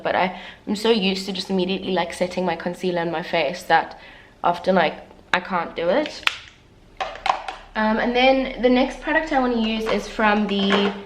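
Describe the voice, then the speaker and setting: Background noise accompanies a young woman's medium-pitched voice as she casually and candidly chats through a makeup tutorial. She's a beauty vlogger who makes self-deprecating jokes, and she sounds a little congested while recovering from the flu.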